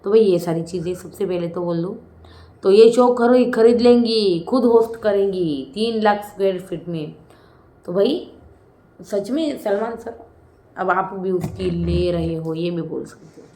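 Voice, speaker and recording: A woman's voice: lowish voice, measured pace, dark tone, echoey room. A woman giving casual, chatty commentary as a reality show reviewer, often saying "bhai" and "hmm".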